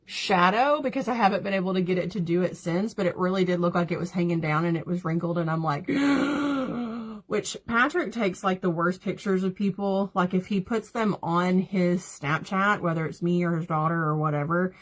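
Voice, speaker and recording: A woman's voice: fairly low pitch, brisk, few pauses. A woman, chatting casually and rambling as she does her makeup on a livestream, laughing often and answering viewers. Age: 30s. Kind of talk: casual livestream chat while doing makeup.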